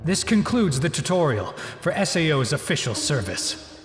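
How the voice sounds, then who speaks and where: A man playing a cold, godlike game-creator villain in an anime fan dub, announcing in a formal, measured, theatrical way. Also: fairly high pitch, sing-song, soft background music. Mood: cold, solemn. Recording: echoey, long hall reverb.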